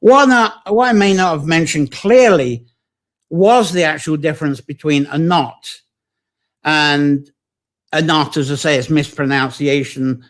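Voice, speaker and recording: A man's voice: on the high side, a little slow. A man hosting a live online folklore session, talking in a chatty, digressive way and stopping to greet viewers and read their comments. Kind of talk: informal live-streamed folklore talk.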